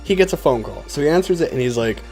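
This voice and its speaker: A young man tells personal stories on his own video channel in a casual, rambling, laid-back way, swearing freely. His voice is a little high, a little mellow and expressive, and he talks at a quick pace. The audio is poor, with his voice over background music.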